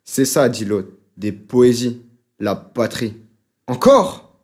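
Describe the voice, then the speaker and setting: A man's voice: medium pitch, fairly even intonation, takes it slowly, dark tone, close to an everyday voice. A man voicing a coarse, weary young soldier on leave, blunt and mocking, in an audiobook reading.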